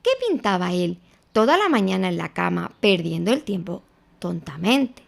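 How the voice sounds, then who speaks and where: A woman reading a children's story aloud in a slow, expressive, playful way. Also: lowish voice, vocal fry.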